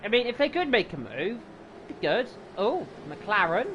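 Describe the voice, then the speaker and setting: A man doing live motorsport commentary in an excitable, exclaiming play-by-play manner. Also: high voice, normal speed, lo-fi sound. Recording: noisy, car engine sound behind.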